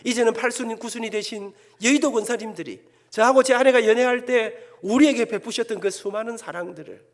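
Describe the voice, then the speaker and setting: A man's voice: extremely high pitch, a little fast. A man, a church elder with a Gyeongsang Korean accent, preaching an emotional sermon and telling his own story dramatically. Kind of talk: sermon with personal testimony. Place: church sanctuary. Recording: long church hall reverb.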